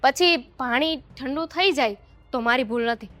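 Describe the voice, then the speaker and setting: A woman's voice: sits high, measured pace, a bit bright, faint music behind. A woman acting a put-upon young daughter-in-law who answers back sarcastically in a family drama. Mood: sarcastic.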